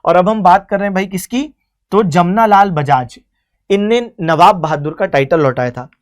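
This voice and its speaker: A history teacher leads an online exam-coaching lecture, working through quiz questions one after another. The teacher explains each answer like a story, calls the students "beta" and mixes English terms into the talk. The voice sits at a middle pitch. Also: normal speed.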